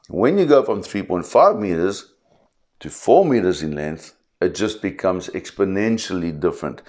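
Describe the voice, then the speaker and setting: South african guy in his 50s, real low voice, explains sharks all emphatic and lively. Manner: emphatic, animated storyteller who acts out quotes. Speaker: shark expert presenter. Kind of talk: explanatory talk to camera.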